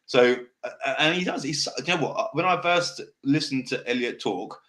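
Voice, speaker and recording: A man's voice: medium pitch, lively intonation, a bit bright. A man hosting an off-the-cuff podcast who can't pronounce his R's, saying w for r, and talks in a direct, passionate, rambling way, often losing his thread and swearing casually. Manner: fast, direct, passionate delivery that can sound angry. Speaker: podcast host.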